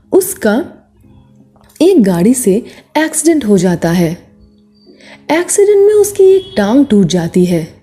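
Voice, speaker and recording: A woman narrating a storybook in a measured, expressive way. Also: medium pitch.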